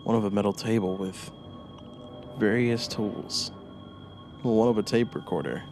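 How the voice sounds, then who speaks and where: A man narrating a scripted horror story with a dramatic delivery that moves between hushed menace and eager swells. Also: lowish voice, steady tone, unhurried, soft background music.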